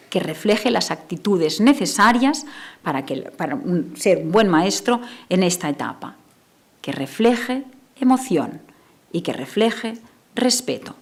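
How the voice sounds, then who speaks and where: A woman speech therapist, Catalan native, giving a conference talk, moving between a soft lowered voice and emphatic bursts. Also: big pitch swings, measured pace, husky. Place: lecture hall.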